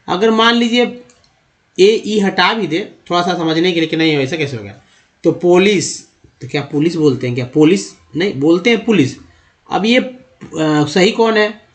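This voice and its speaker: A man with a fairly high voice teaching how to read English words. He goes step by step, repeating each word and asking questions before answering them. His tone is that of a patient spoken lesson.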